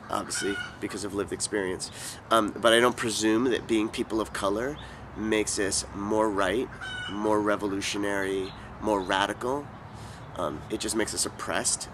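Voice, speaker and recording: A California man in his forties, an activist, answers interview questions with a fairly low voice. He's thoughtful and halting, often stopping to restart sentences, and he's recorded outdoors in a city with clear street noise behind him.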